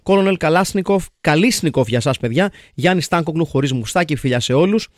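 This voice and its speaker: A man hosting a casual podcast chat, reading listener comments in a quick, jokey way. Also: fairly high pitch, expressive, no echo, clean studio sound. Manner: jokey, quick, mixes English phrases. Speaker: podcast host.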